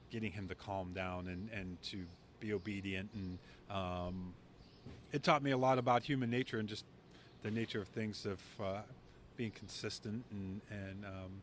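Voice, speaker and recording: A man's voice: on the low side, slight background noise. A man hosting a podcast, chatting candidly and laughing easily in an outdoor courtyard. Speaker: podcast host. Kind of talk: casual conversation.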